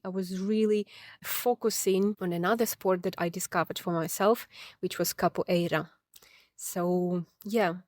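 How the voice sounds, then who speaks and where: A woman's voice: medium pitch, a little mellow, no room sound, studio quality. A Ukrainian woman in her thirties, from Ukraine, telling her life story as an interview guest in a reflective way, with many fillers and restarts.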